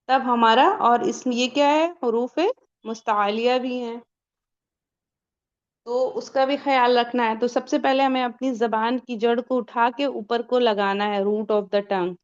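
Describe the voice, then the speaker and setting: A woman with a fairly high voice teaching a pronunciation lesson at a slow, careful pace. She poses questions and answers them herself, drawing out each sample sound. The recording is somewhat dull and muffled. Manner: explains slowly, asks and answers her own questions, drawn-out sample sounds. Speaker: Quran recitation teacher. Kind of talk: step-by-step lesson.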